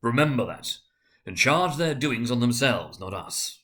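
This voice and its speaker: A man's voice: mid-range voice, big pitch swings, a little slow, bright, forceful tone. A man voicing a gigantic, hearty spirit in a storybook, speaking with solemn, emphatic indignation. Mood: stern, indignant. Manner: emphatic, declamatory.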